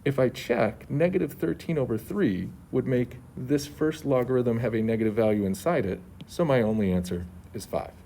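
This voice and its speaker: Speaking at a moderate pace with few pauses, a man with a dark, medium-pitched voice explains homework solutions step by step as a math teacher. The mask he wears at school dulls his sound slightly, and faint noise sits in the background.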